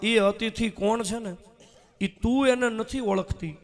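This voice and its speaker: A man voicing a sly, knowing divine child who talks slowly, in a told devotional story. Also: high voice, big-room sound.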